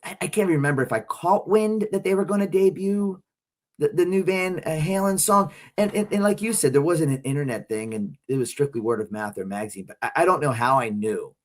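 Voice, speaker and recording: A man's voice: a little high, a little fast. A middle-aged man co-hosting a podcast, telling a story in casual chat and acting out the quotes with energy. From Philadelphia area, United States. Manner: animated storyteller, acts out quotes. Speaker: podcast co-host.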